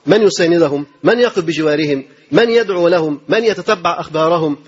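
Fast, high-pitched Egyptian preacher. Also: male voice, slightly rough, lo-fi sound. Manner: emphatic, rapid rhetorical questions and repeated phrases. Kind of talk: sermon.

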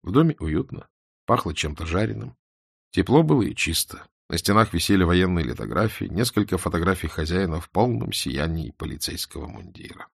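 A man calmly narrating an audiobook in a measured way. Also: low voice, gravelly, husky, no room sound, studio quality. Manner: calm, measured. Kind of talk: scripted narration.

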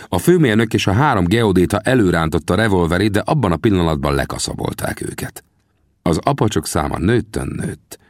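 A man's voice: low-pitched, no room sound, clean studio sound. A man narrating an adventure novel as an audiobook, in a dramatic storytelling manner. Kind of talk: scripted narration.

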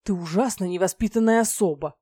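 A woman's voice: medium pitch, a little fast, mellow, husky, no echo, clean studio sound, lightly acted. A woman voicing an immortal male dragon rector who scolds and then coaxes with sly bargaining. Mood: scolding.

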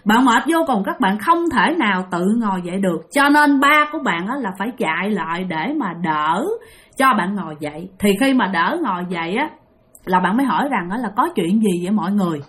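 A woman's voice: medium pitch, lively intonation, a little fast, fairly bright tone. A woman with a Southern Vietnamese accent telling a ghost story, chatty and addressing listeners directly. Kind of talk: spoken ghost story narration.

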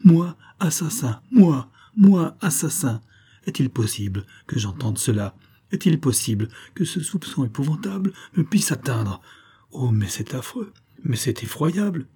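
A man's voice: mid-range voice, expressive, normal speed, mellow, breathy edge. A man voicing a cunning male suspect who pleads his innocence in a theatrical, pleading way. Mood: feigned outrage.

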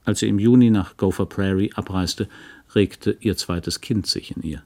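A man with a low voice reads a literary audiobook. His narration stays calm, measured and low-key. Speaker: audiobook reader.

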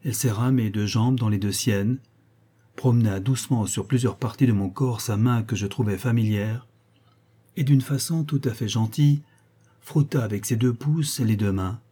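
A man reads a classic novel aloud in a measured, expressive way. His voice is very dark and mellow, with a husky edge, and the telling stays steady from sentence to sentence. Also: mid-range voice. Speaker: audiobook reader. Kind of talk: literary audiobook narration.

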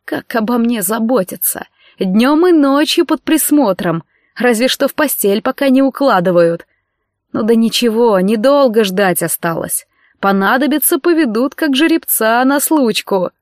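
A woman's voice: a little high, animated, measured pace, no echo. A woman voicing an anxious, self-pitying young nobleman who pleads and breaks into bitter outcries, in a dry audiobook reading. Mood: bitter outburst. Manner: pleading, tearful, bursts into outcries.

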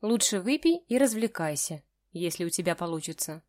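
A woman's voice: fairly low pitch, lively intonation, a little fast, darkish tone, dry recording, lightly acted. A woman reading the lines of a reserved man in his forties in an audiobook. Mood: curt.

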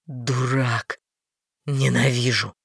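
A woman's voice: very deep voice, steady tone, slow pace, gravelly, breathy edge, no room sound, studio quality, voice pushed down, exaggerated voice. A woman reading a story aloud and voicing an earnest, anxious young male mage who speaks in a gloomy, tense manner. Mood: distraught.

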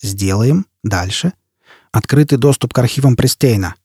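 A man's voice: medium pitch, moderate pace, a little mellow, breathy edge, dry recording, studio quality. A male reader voicing a terse, brooding male spaceman prisoner in an audiobook. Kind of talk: audiobook character reading.

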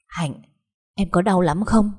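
A woman voicing a calm, caring younger sister who speaks gently to soothe others. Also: lowish voice, slow, husky. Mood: soothing.

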